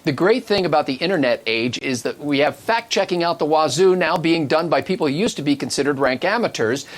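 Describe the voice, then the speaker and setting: A man's voice: a little high, lively intonation, a little fast. A man in a political radio discussion, talking in a folksy, wry way. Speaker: radio commentator.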